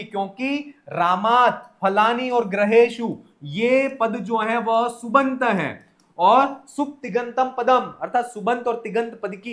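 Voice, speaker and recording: High-voiced man explaining Sanskrit test answers. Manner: methodical, reading questions then explaining each option. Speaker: Sanskrit teacher. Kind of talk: exam test solution lecture.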